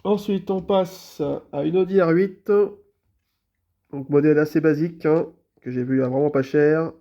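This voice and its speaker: A man's voice: a little high, steady tone, normal speed, dull audio. A man with a cold and a blocked nose, chatting casually and hesitantly as he shows his toy car collection in a vlog. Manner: easygoing, chatty, full of hesitations and repeated fillers. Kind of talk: casual show-and-tell vlog.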